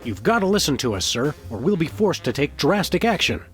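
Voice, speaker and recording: An actor playing an earnest, wry male dog detective in a comic cartoon game, with a deadpan manner. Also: a little high, brisk, soft background music. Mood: earnest resolve.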